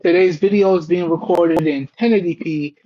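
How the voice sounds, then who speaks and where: A man with a high voice casually narrates a product test for viewers at a moderate pace, folksy and explanatory, as a tech reviewer and channel host. He's indoors at home, recorded through a Bluetooth wireless earbud headset mic, so the sound is lo-fi.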